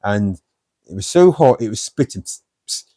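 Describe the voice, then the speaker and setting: Man, blunt streetwise storyteller, low dark voice. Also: sing-song, normal speed, no echo, studio quality. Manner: blunt, streetwise storytelling with many "you know"s. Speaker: guest. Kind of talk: telling life stories in an interview.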